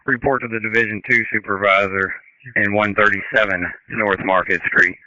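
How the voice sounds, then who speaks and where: Clipped, sharp-voiced male fire commander on radio. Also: fairly low pitch, steady tone, moderate pace, dry recording, dull audio. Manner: clipped, procedural, repeats back to confirm. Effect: two-way radio. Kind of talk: fireground radio dispatch. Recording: band-limited firefighter radio transmission.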